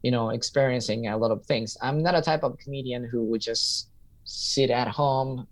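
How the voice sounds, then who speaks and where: A man's voice: medium pitch, fairly even intonation, normal speed. A man in his thirties, a comedian and teacher, answering interview questions in a casual, thoughtful way and often restating a point while he hunts for the right words. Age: 30s. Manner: reflective, repeats himself while searching for words.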